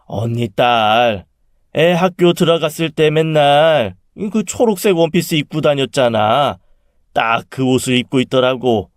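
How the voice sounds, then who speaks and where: A man voicing a chatty middle-aged aunt who tells about a dream in a drawn-out, gossipy way. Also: medium pitch, animated, dry recording, clean studio sound, close to an everyday voice. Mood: confiding.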